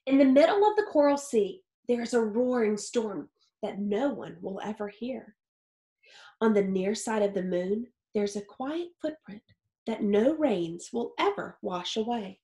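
In a small home office or study lined with wooden shelves, a woman in her thirties reads a children's picture book aloud in a slightly high, mellow, expressive voice. She phrases things deliberately, the way a teacher would for young listeners. The roomy indoor recording carries a clear echo.

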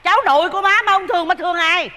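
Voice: very high voice, racing, pushed and bright, long reverb tail. An actor playing a stubborn, scolding older mother in a stage comedy.

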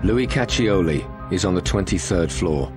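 A man narrating a documentary in a measured, grave scripted delivery. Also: low-pitched, lively intonation. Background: music.

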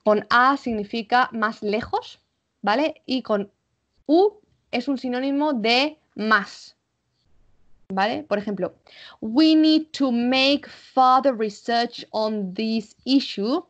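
A woman with a Spanish accent teaching an English exam-prep class online, checking in often with her students and slowing down to model English examples. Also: on the high side, fairly bright tone, muffled recording. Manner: switches between Spanish and English, frequent "vale?" check-ins.

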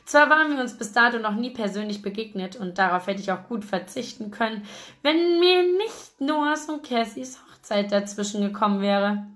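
A woman reading a novel aloud in a lively, expressive audiobook narration. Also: on the high side, moderate pace. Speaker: audiobook reader.

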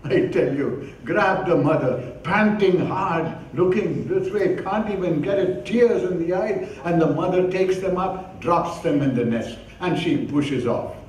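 A man with a high voice preaches slowly and deliberately, telling an animated story. He punctuates it with repeated exclamations. The sound comes from a distant mic in a strongly echoing hall with faint noise. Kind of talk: sermon.

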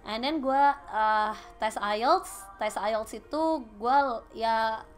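A woman in her late twenties with a Sundanese-tinged Indonesian accent, a podcast guest telling her story in lively casual chat and mixing in English phrases. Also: on the high side, slow, soft background music. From Bandung, Indonesia.

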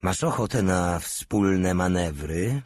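A man's voice: low-pitched, lively intonation, slow pace, darkish tone, dry recording, full character voice. A man voicing a brash, lecherous male soldier who talks with crude swagger. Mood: cocky leering. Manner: cocky, swaggering and leering.

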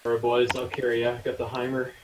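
A man's voice: mid-range voice, completely flat delivery, quick pace, background noise. A young man joking around with teammates over voice chat late at night during a game. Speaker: gamer on voice chat.

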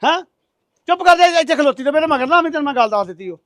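Hot-tempered middle-aged husband played by a man, high, rapid, scolding. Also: expressive, no echo. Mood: angry. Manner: bossy, scolding. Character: stubborn short-tempered older husband.

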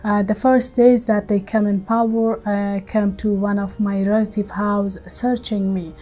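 A woman in her forties with an Afghan accent, speaking as an activist in an interview, earnest and halting with frequent fillers. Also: mid-range voice, little pitch movement, dark tone, low-quality recording. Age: 40s. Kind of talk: interview testimony. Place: bright indoor room with plants.

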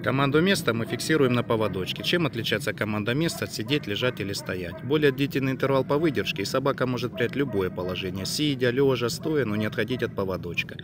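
A man's voice: medium pitch, fast, hardly any pauses, crowd noise. A young man giving instructional dog-training explanations in set phrases, recorded outdoors by a camera a few metres away. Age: young adult. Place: outdoors on a dirt clearing among trees. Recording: noisy outdoor camera sound.

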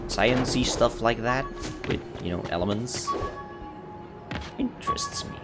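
A man livestreams a video game, joking to himself and greeting viewers as he plays, giving casual gameplay commentary. His medium-pitched voice swoops wildly in pitch at an unhurried pace, heard over loud game music.

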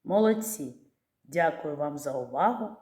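A woman gives a slow, patient literacy lesson to small children, drawing out each sound with care. Her voice is low and mellow, and the room around her rings with echo. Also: animated. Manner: patient, clear, drawn-out articulation of sounds. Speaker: preschool teacher.

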